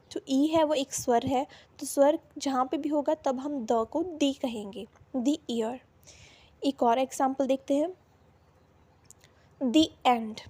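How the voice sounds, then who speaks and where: A woman teaching English grammar, slowly repeating each example word. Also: high-pitched, mellow. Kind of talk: explaining a lesson in Hindi.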